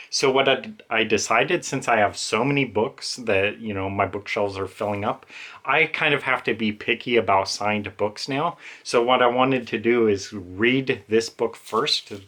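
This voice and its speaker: Rambling young man with a low voice. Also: fairly bright tone. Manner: rambling, hesitant, many fillers. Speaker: book vlogger. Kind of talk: casual book haul talk.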